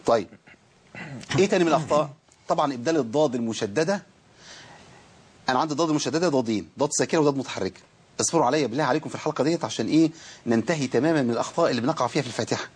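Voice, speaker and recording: A man with an Egyptian Arabic accent teaching Quran recitation in a TV studio, explaining eagerly and stretching sounds out slowly to demonstrate them. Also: medium pitch, slightly rough. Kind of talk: televised teaching lesson. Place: television studio.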